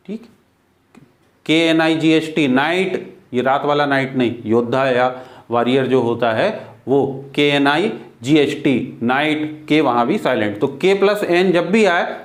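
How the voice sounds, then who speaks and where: A man teaching a classroom-style lesson, spelling out letters and repeating each word slowly several times. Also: a little high. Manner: slow, drawn-out repetition of words. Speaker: English teacher. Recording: echoey room.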